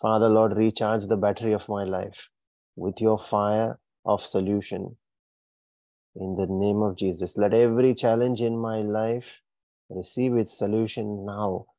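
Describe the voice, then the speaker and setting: A man's voice: lowish voice, level tone, a little slow, warm tone, dry recording. A man leading a fiery deliverance prayer, issuing commanding declarations in bursts. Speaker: prayer leader.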